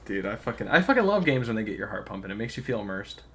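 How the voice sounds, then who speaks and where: A young man with a slightly low voice chats on a podcast as co-host. His talk is loose and laid-back, peppered with swearing and laughter. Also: big pitch swings, rapid-fire, a bit bright. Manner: loose, profane, laughs often. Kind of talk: casual chat.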